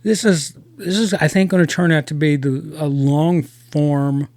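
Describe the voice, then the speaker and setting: A man hosting a casual review podcast, talking in halting starts with many restarts. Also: fairly high pitch, fairly even intonation, a little mellow, dry recording.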